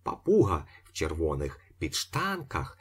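A man with a husky voice narrating an audiobook expressively. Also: very deep voice, a little slow. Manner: expressive, vivid.

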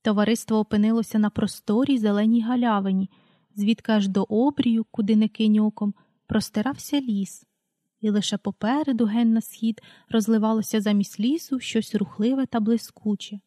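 Mellow-voiced woman reading a storybook. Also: fairly high pitch, no echo, clean studio sound. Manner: calm, unhurried reading, announces page numbers aloud. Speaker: audiobook reader. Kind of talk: storybook read-aloud.

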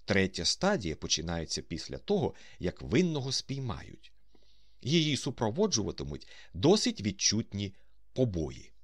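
A man's voice: on the low side, huge pitch swings, normal speed, dry recording, studio quality. A man playing a grand, scheming con man who speaks in a haughty, commanding, coolly ironic way.

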